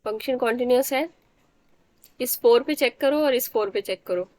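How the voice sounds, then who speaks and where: A woman's voice: on the high side, normal speed, a little mellow, no room sound. A woman teacher giving a math lecture, explaining step by step and often checking that the students understand.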